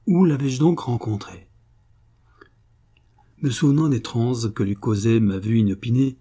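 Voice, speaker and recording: A male audiobook reader narrating a literary novel, measured and expressive. His voice is dark and mellow, with a husky edge. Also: medium pitch.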